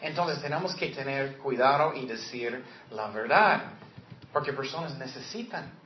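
A man's voice: mid-range voice, expressive, moderate pace, slight background noise. A man preaching a sermon as a pastor, earnest and direct, sometimes acting out the voices he quotes. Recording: echoey, dull lo-fi room recording.

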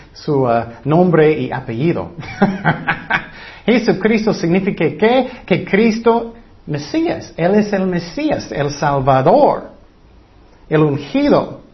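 A man preaching a sermon in halting Spanish with grammar slips, often asking the crowd rhetorical questions. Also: on the high side. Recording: dull lo-fi recording.

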